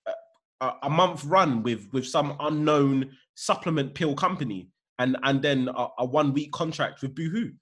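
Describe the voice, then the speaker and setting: A man's voice: mid-range voice, moderate pace, fairly bright tone, breathy edge. A young man with an urban English roadman accent hosting casual podcast banter, slangy and emphatic, often repeating phrases. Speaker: podcast host.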